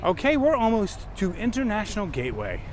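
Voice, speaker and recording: A man's voice: high voice, wildly swooping pitch, a little fast. A man hosting a casual travel vlog, chatting encouragingly as he walks. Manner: encouraging, chatting while walking. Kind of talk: casual walk-and-talk chat. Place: outdoors, walking along a resort path. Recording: outdoor city ambience and vehicle noise.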